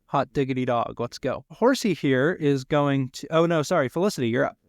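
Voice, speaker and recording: A man acting as game master in a casual tabletop game, playful and slowing down for dramatic narration. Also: mid-range voice, no room sound, clean studio sound.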